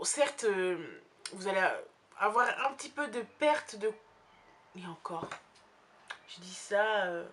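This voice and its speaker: Chatty, bright-voiced young woman vlogger. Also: a little high. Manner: chatty, rambling, many fillers and restarts. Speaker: beauty vlogger. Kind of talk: casual makeup haul review.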